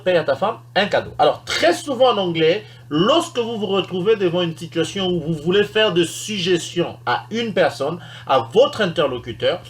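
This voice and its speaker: In this recorded English lesson, the teacher is an energetic man with a high voice. He takes his time explaining and stresses the example sentences as he repeats them.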